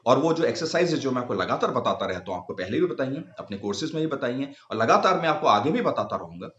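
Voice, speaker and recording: Hindi-speaking man coaching speech, lively pitch. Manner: patient, demonstrates sounds slowly one by one. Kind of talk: explaining speech exercises to viewers. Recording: echoey room, slightly dull sound.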